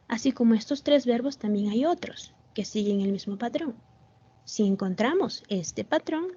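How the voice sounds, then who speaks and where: A woman teacher talks slowly and patiently in a rather high, mellow voice, stopping often to check that her class follows. The sound is dry and close, with the dull, lo-fi quality of a video call. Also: husky, no echo. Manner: patient, slow, repeats "¿Ven?" to check understanding. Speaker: English teacher. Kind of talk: online class explanation.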